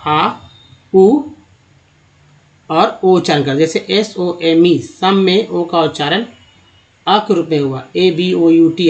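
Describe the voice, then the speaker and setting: A man teaching English pronunciation in a slide lesson, spelling out letters and repeating words slowly, often checking with his viewers. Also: a little high, lo-fi sound. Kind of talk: slide-based lesson in Hindi.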